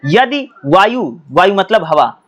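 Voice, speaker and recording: A man's voice: sits high, big pitch swings, slow pace. A male teacher explaining exam topics who asks questions and answers them himself and often repeats his points. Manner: often repeats himself and addresses students as bhai.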